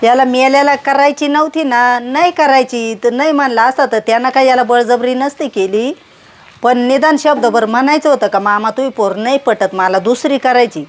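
A woman's voice: fairly high pitch, normal speed, natural voice. A woman playing an indignant village woman ranting about an unwanted son-in-law. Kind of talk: comedy sketch acting.

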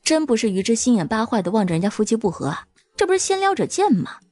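A woman narrating an audio drama in a lively, expressive storytelling manner. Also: fairly high pitch, fast talker.

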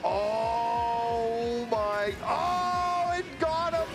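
A man in his thirties streaming video games as a raging gamer, excitable, yelling and cursing. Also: very high-pitched, very slow, low-quality recording. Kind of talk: live gaming stream commentary. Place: indoor streaming room at home. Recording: loud music over the voice. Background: loud music and game audio.

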